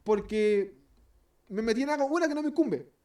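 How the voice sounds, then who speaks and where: A man's voice: very high-pitched, expressive, normal speed, a little mellow. A man with a Chilean accent teaching an informal Bible study, chatty and self-correcting, acting out everyday scenes as examples. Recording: voice distant from the mic.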